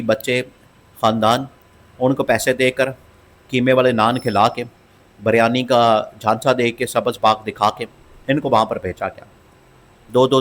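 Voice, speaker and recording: A man giving opinionated political commentary, emphatic and scornful, and he repeats phrases for stress. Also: mid-range voice.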